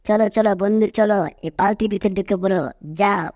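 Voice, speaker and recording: A woman's voice: medium pitch, flat delivery, fairly quick, darkish tone, dry recording, muffled recording, close to an everyday voice. A woman voicing Jerry, a cheeky, scheming cartoon mouse who taunts and teases. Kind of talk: cartoon dub acting.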